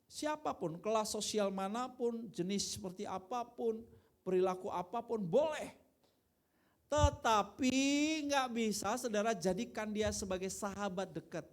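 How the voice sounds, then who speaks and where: A male pastor from Indonesia preaching a sermon in a casual, conversational way, dropping to quiet asides and then rising into loud, emphatic bursts. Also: high-pitched, unhurried. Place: church worship service.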